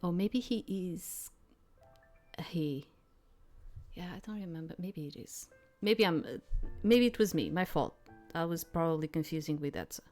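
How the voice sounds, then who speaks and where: Reading a visual novel aloud for a let's play, a woman with a lowish, expressive, slightly mellow voice speaks at a moderate pace. Her gameplay commentary is casual and hesitant, as if she's working things out aloud, and game music runs in the background.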